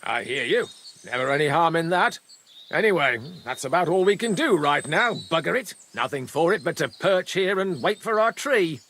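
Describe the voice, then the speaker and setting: A man voicing a gruff, folksy medieval axeman in a video game, grumbling and quick to take offence. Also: a little high, animated, a bit bright, a little hiss or hum. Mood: grumbling, resigned. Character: gruff, touchy travelling medieval axeman, boastful but wary. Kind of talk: video game character dialogue.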